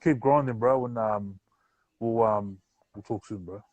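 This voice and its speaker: A man's voice: on the low side, measured pace, darkish tone, no echo, muffled recording. A man with a broad New Zealand accent hosting a casual interview, speaking in slangy, affirming phrases and often saying bro. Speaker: podcast host and interviewer. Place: remote live-stream call.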